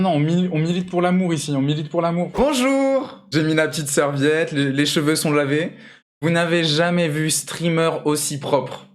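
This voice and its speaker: A young man hosting a charity livestream from his home, chatting playfully and teasing while he draws, sometimes bursting into high shouts. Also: a little hiss or hum. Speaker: charity stream host. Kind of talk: casual livestream chat while drawing. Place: home room.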